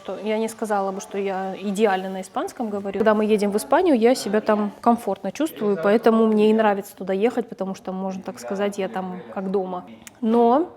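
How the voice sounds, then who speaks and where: A middle-aged mother and family vlogger from a Russian-speaking background chats to the camera fairly quickly, her mid-range voice dark in tone and fairly even in intonation. She talks casually and sometimes corrects herself mid-sentence, with soft music in the background.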